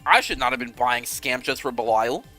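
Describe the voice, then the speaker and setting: A young man chatting casually with his viewers on a game stream, animated and rambling, swearing freely. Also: medium pitch, normal speed, faint music behind.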